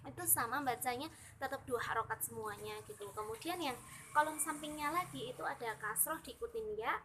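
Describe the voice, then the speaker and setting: A young woman with an Indonesian accent explaining Quran recitation rules in a casual, chatty way, slowly chanting the example verses. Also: a little high, background noise. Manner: chatty explaining, frequent "gitu" and fillers, slow drawn-out recitation of examples. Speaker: student teaching Quran recitation.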